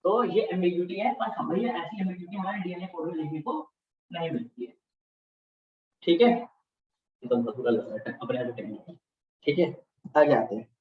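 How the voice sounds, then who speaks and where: A man's voice: fairly high pitch, expressive, normal speed, pauses often. Echoey distant male teacher lecturing. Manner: repeats terms and keeps checking understanding. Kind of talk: classroom lecture. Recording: distant, echoey, dull-sounding classroom recording.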